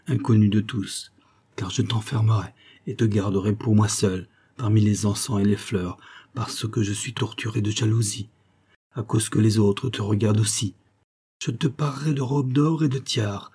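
A man's voice: on the low side, dark tone, slightly rough. A man voicing an imperious, passionate young French princess in a storybook reading, commanding and fervent. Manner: commanding, then fervent and rapturous.

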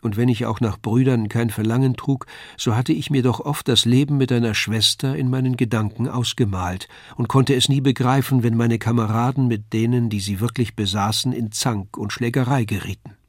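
Brief: older male narrator, steady literary reading, dry close recording. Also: mid-range voice, no room sound. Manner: measured, even storytelling. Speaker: audiobook narrator.

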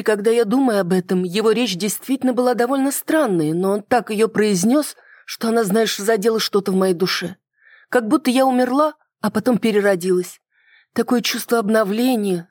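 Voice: medium pitch, moderate pace, no room sound, studio quality, voice pushed up, natural voice. A reader voicing a sarcastic young woman in an audiobook, with teasing, exasperated questions. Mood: unsettled. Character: sharp young woman, sarcastic academy curator. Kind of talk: audiobook dialogue.

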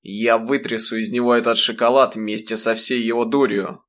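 A man's voice: mid-range voice, fairly even intonation, normal speed, fairly bright tone, close to an everyday voice. A man voicing a hot-tempered, brutal father who barks harshly in an audiobook. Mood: furious. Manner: barking, harsh.

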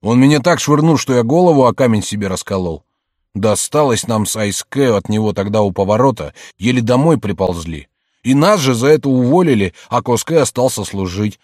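A man's voice: medium pitch, animated, brisk, a little mellow, dry recording, clean studio sound, close to an everyday voice. A man reading aloud and voicing a scarred, bitter brawler turned robber who speaks bluntly and resentfully.

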